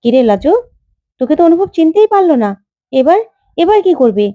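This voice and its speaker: A spiteful young wife from a retold TV drama, voiced by a woman, who taunts in a raised, high voice. The tone stays mellow and the sound is dry and close. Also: sing-song, fairly quick, dry recording. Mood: taunting.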